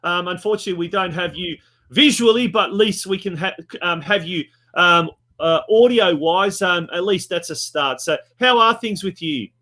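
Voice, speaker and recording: A man with a high-pitched voice hosts a casual sports show. He sounds upbeat and chatty, moving along in a halting way with frequent fillers. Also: sharp tone. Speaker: show host.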